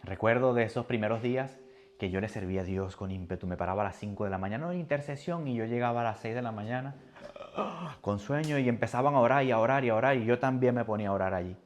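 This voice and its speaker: A man preaching a sermon with a personal testimony, animated and moving between soft and loud. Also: medium pitch, quick pace, faint music behind.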